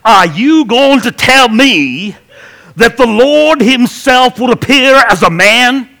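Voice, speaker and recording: Man putting on a booming Southern televangelist. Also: animated, slow, gravelly, pushed and bright, heavily acted. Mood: indignant. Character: pompous male televangelist preacher, boastful.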